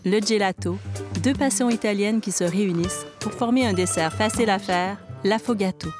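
A woman with a Québécois French accent giving scripted narration for a food report, in an even, measured delivery. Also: medium pitch, over music.

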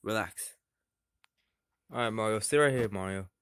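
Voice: medium pitch, moderate pace, fairly bright tone, smooth, no room sound, close to an everyday voice. A performer voicing a dim-witted, laid-back male chef puppet in a plush comedy sketch, mumbling and trailing off hesitantly.

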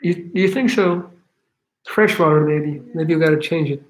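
This livestream host, a Belgian coach in his thirties, speaks at normal speed in a voice pitched high for a man. Cheerful and casual, he chats with his audience and reads their comments from home. The low-quality audio comes from a laptop webcam mic in his living room.

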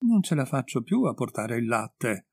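A man's voice: medium pitch, very animated, normal speed, darkish tone, slightly rough, no echo, studio quality. A man voicing a frightened young farm girl who whimpers timidly, in a story reading. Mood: whimpering.

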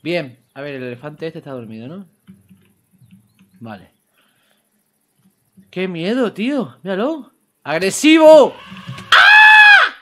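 Spanish-accented male gamer, high voice, big swings; mutters, then yells and curses at the game. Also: unhurried, long pauses, noisy background. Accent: Spain Spanish. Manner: excitable, swings from muttering to yelled outbursts, swears freely. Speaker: gaming YouTuber. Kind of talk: let's-play gameplay commentary.

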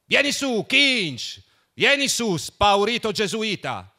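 A man putting on a plump, jovial young mocker who booms out mock sermons. The voice jumps well above the reader's own, loud and ringing, with big swoops in pitch. Playful and theatrical throughout. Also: very animated, moderate pace. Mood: boisterous mocking.

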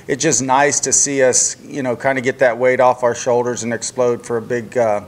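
An older man, a head coach, answering questions at a postgame press conference in a measured, plain-spoken way, often saying "you know". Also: mid-range voice, level tone. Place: press conference room, indoors. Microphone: table microphone.

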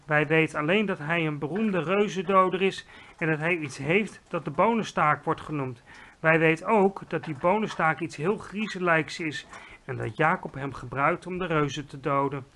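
A big, gentle old giant, voiced by a man reading a storybook aloud, speaks in a hushed whisper with charmingly broken grammar. His voice sits fairly high and soft. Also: normal speed, a little hiss or hum.

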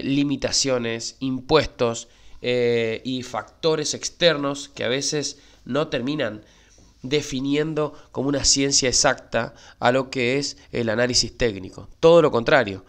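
A man with an Argentine Spanish accent runs a YouTube crypto channel, offering casual spoken market commentary to viewers. His mid-range voice is a bit bright, and he's chatty, repeating "eh" and asking "¿sí?" again and again.

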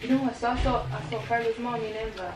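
A woman's voice: fairly high pitch, fairly even intonation, fast talker. A young woman co-hosting an eating vlog, joking bluntly in slangy casual chat. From Rhode Island. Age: young adult. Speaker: mukbang co-host. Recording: roomy, mic at a distance, faint background hum.

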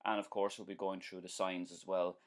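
Low in voice, flat in delivery and a little fast, this Irish man in his forties hosts a driving-instructor live stream at home in a small indoor room. He's friendly and chatty as he answers viewer comments, often repeating himself, restarting, and dropping um and uh fillers.

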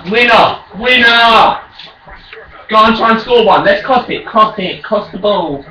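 A British man trash-talking as a raging gamer during an online football game, shouting and taunting his opponent. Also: high voice, a little slow. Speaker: video game player. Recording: echoey room, distant mic, faint noise.

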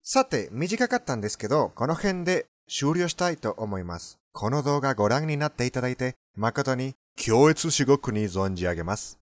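Animated man with a foreign accent. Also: medium pitch, fairly quick, hardly any pauses, no echo. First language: Spanish. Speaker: language commentator. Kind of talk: language lesson commentary.

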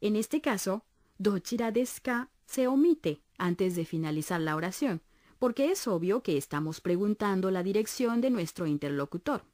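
A woman leads a radio language lesson with patient, encouraging explanations. Her voice moves up and down in a lively way. The studio recording is dry and close. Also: mid-range voice, moderate pace, no room sound. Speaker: Japanese language instructor on a radio course. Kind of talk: scripted educational narration.

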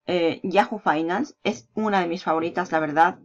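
Gravelly woman giving a casual tutorial. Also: lowish voice, normal speed. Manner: casual, walks through search results, trails off with "bla, bla". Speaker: online marketing tutor. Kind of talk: screen-recorded tutorial. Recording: dull lo-fi audio.

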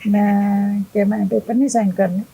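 A woman's voice: mid-range voice, level tone, normal speed, gravelly, breathy edge, narrow, tinny audio. An older woman, telling her story plainly in an interview. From Punjab. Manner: plain storytelling, retelling others' words. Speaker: interview guest. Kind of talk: emotional interview.

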